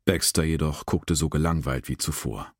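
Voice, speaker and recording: A man narrating an audiobook in a very low, deep voice. He reads evenly and steadily, close to the mic. The sound is dry, with no room. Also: moderate pace, breathy edge, dry recording.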